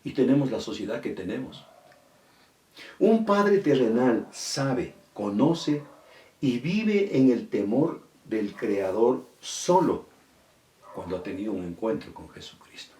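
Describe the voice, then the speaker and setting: A man's voice: mid-range voice, sing-song, takes it slowly, dark tone. A middle-aged male pastor preaching a sermon, telling a story and quoting the people in it. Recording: echoey room from far off.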